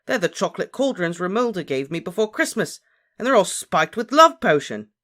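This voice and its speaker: A man's voice: sits high, big pitch swings, brisk, fairly bright tone, voice pushed up. A man voicing a practical, exasperated teenage boy wizard with an emphatic, impatient delivery for a storybook. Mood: exasperated, alarmed.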